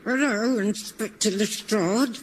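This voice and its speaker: A man's voice: high voice, slow, slight background noise. A man voicing a blunt, gossipy middle-aged female housekeeper in a comic radio play. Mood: chatty. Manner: chatty and blunt.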